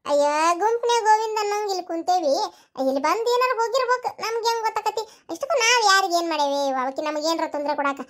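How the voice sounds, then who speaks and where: A gossiping married woman from a cartoon village, with a North Karnataka Kannada accent, voiced by a performer. She speaks very high and very fast, spinning eerie local tales. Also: lively intonation, a bit bright. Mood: gossipy. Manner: rapid, gossipy storyteller. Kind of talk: cartoon comedy voice acting.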